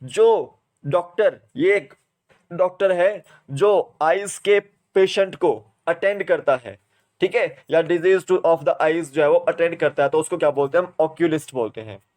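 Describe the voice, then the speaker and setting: A young man with a Himachal Pradesh Indian accent teaches an exam prep lesson. He spells each word out letter by letter, at a slow and careful pace. His voice sits a little high for a man. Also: darkish tone. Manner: spells words out letter by letter, then repeats them.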